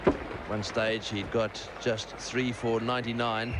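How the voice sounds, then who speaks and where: A man's voice: medium pitch, flat delivery, a little slow. A man giving live cricket commentary, adding his observations on the play. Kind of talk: live expert sports commentary. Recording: noisy outdoor broadcast with crowd. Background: stadium crowd.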